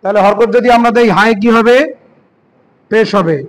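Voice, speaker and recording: High-voiced man spelling out a reading lesson. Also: steady tone, low-quality recording. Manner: spells out letters and vowel marks slowly, asks rhetorical questions. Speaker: Quran reading teacher.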